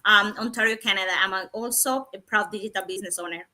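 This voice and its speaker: Bright, upbeat woman co-hosting. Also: medium pitch. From Cuba. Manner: upbeat, quick to laugh. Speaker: co-host. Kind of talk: livestream panel chat.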